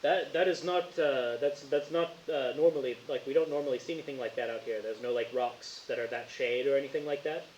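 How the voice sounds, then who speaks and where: A man doing a halting local searcher. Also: medium pitch, a little mellow, close to an everyday voice. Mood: puzzled. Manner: halting, full of "like" and "uh". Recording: echoey, muffled, faint hiss.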